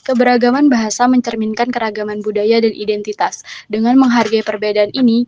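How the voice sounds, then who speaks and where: A woman student reading an educational explanation in an even way. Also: a little high, dry recording. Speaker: student presenter. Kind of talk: read educational narration. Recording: dull lo-fi sound with faint noise.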